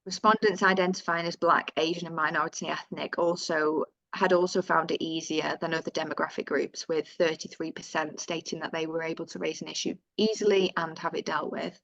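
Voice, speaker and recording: A woman's voice: sits low, steady tone, a little fast, few pauses, fairly bright tone, dry recording, dull audio. A woman with a Northern English accent presenting survey findings in a webinar, reading out figures with fillers and self-corrections.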